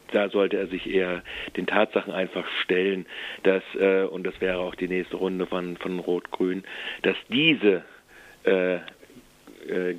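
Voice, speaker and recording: Gravelly low-voiced radio show caller, man. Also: dull audio. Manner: argumentative, halting with frequent fillers. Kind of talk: phoned-in listener comment on a radio show.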